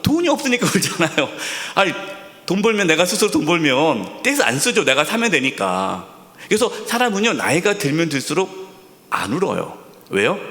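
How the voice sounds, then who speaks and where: Male pastor, emphatic preaching, rhetorical questions, lively swinging pitch, fairly high voice, long church reverb. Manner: drops to a soft near-whisper on key words. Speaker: senior pastor. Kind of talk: sermon at a Friday prayer service. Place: church sanctuary.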